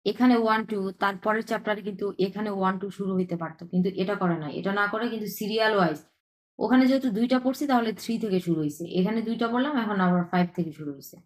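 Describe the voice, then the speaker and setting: Echoey woman teaching a language class. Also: mid-range voice. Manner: repeats words slowly, checks in with "হ্যাঁ?". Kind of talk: online language lesson.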